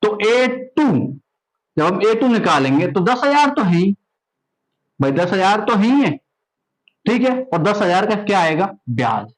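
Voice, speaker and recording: A man's voice: high voice, very animated, unhurried, rough recording. A young man teaching a maths lesson, keeps asking questions, then answers them himself.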